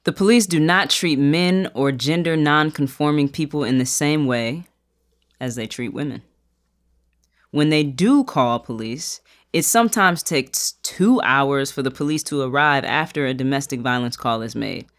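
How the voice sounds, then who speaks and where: An advocate for crime victims, explaining calmly in an interview. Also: medium pitch, a little slow.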